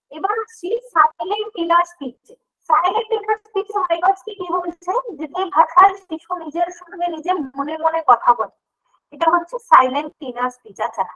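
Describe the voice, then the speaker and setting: A woman teaches an online class, her high, bright voice walking through each point. She poses questions and answers them herself. The stream audio is dull and lo-fi. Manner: explanatory, asks and answers her own questions. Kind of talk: online lecture.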